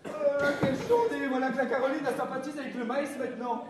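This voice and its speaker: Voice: sits high, fairly even intonation, quick pace, noisy background, close to an everyday voice. A performer playing a meek, bumbling male farmer in a live stage comedy, hesitant and mumbling. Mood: fretting. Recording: roomy stage recording from far off, loud audience laughter.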